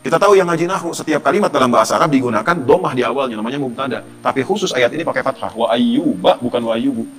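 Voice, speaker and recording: A man's voice: mid-range voice, animated, racing, few pauses, fairly bright tone. A male Islamic preacher giving a conversational sermon, often asking the audience rhetorical questions.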